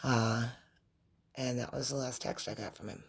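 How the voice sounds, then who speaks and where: A middle-aged woman telling a personal story in a vlog, in a halting, emotional way with many restarts and trailing phrases. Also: rumbling low, steady tone, vocal fry, husky. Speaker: vlogger recounting a loss.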